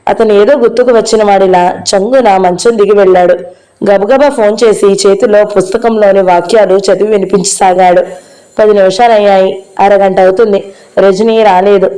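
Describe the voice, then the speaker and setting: A woman narrating a novel as an audiobook reader, in a steady, even storytelling manner. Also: medium pitch, normal speed, smooth, low-quality recording.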